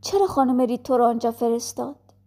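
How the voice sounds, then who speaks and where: Kindly country doctor, voiced by a woman narrator, soft-spoken, storybook reading. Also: a little high, expressive. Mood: gentle. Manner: soft, gentle questioning. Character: gentle older male country doctor, kind.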